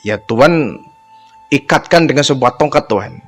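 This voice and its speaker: A man voicing a humble young orphan boy who answers softly and obediently. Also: mid-range voice, expressive, a little slow, husky, soft background music. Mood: meek. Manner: soft, deferential replies.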